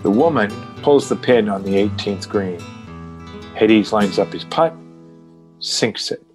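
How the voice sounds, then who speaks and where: Slow, low male drama narrator. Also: soft background music.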